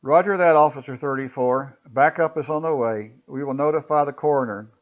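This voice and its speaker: A man voicing a brisk male police dispatcher who talks in a clipped, businesslike way. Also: mid-range voice, dull audio, lightly acted.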